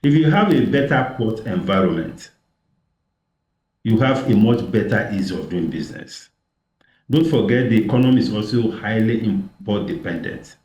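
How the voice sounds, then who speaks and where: Male economist dialing into a panel; remote conference-call sound with a roomy echo; measured, methodical delivery. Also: lowish voice, a little mellow. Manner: measured, builds points step by step. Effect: remote conference call audio. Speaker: economist guest. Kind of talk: explaining policy on a call-in panel. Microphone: remote call connection. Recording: echoey breaking call line.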